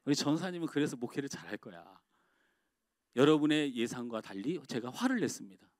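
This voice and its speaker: A middle-aged man preaching a sermon as pastor in a church. He swings from loud, emphatic outbursts to quiet, confiding asides. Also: mid-range voice, big pitch swings, fairly quick, dry recording, studio quality. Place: church sanctuary.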